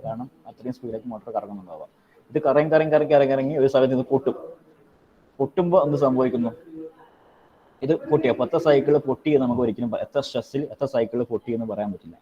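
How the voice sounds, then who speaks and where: Fast-talking male teacher on a lo-fi class call. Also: mid-range voice. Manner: mixes Malayalam explanation with slow dictated English notes; repetitive, checks in with students often. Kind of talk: online class lecture. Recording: dull lo-fi online call audio with faint noise.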